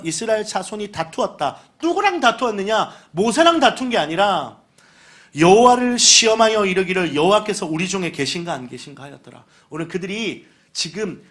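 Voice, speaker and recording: A fairly high-pitched man preaches with animated energy. He drops to quiet asides and then rises to loud exclamations, acting out the people he quotes. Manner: animated preaching, dramatic shifts in volume, acts out quoted voices. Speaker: pastor. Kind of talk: sermon.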